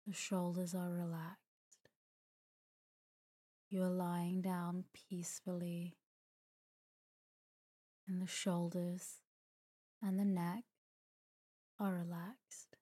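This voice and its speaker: Soft, breathy, and sometimes near a whisper, a woman's low-pitched, very mellow voice leads a slow, scripted sleep meditation. She is a meditation guide and podcast host whose calm, soothing delivery flows in an even, unhurried melody with gentle pauses.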